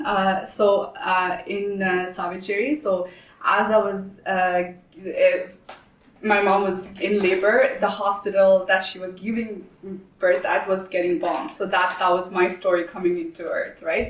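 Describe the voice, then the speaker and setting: A woman from Sri Lanka answering as a roundtable guest, halting, with many fillers and restarts. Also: medium pitch, flat delivery. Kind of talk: conversational interview answers. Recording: echoey room, distant mic.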